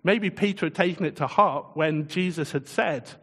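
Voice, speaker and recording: A man preaching a sermon in a relaxed, conversational way, chuckling often and putting questions to his listeners. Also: on the high side, moderate pace, breathy edge, big-room sound.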